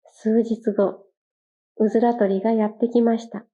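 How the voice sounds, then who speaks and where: Storybook narrator, woman, gentle and clear, fairly high voice, muffled lo-fi sound. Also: flat delivery, a little slow. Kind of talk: children's fable narration. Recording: dull lo-fi recording.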